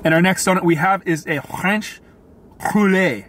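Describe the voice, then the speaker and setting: A man's voice: sits high, steady tone, fast, over loud music. A man vlogging a casual food review from a parked car, chatting and commenting between bites. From Florida. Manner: chatty, tasting and commenting as he eats.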